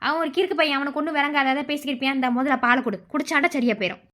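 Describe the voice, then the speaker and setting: A woman voicing a stern, sharp-tongued village mother-in-law in a cartoon, speaking with a Madurai accent in a scolding, commanding way. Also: high-pitched, racing. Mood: explaining. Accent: Madurai Tamil.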